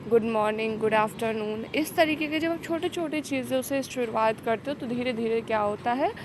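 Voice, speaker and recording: A woman with a somewhat high voice lectures on teaching methods, mixing English terms into her explanations. She keeps checking in with her listeners as she goes. A faint background noise sits under the recording. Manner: explains in Hindi mixed with English terms, frequent "ठीक है" check-ins. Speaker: teacher exam coach. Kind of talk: pedagogy lecture.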